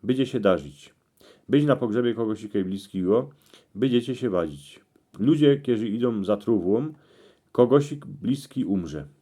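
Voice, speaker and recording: A man with a Cieszyn Silesian accent reading out interpretations in dialect, in terse phrases with pauses. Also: medium pitch, lively intonation, mellow. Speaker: presenter explaining dream meanings.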